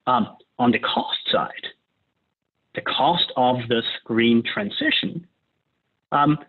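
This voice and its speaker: Over a tinny line that sounds like a phone, an Austrian climate economist leads a discussion, explaining policy in a relaxed lecture style. He's very animated yet slow, with a mid-range, gravelly voice that has a breathy edge, and he keeps saying "uh" and tagging sentences with "right?".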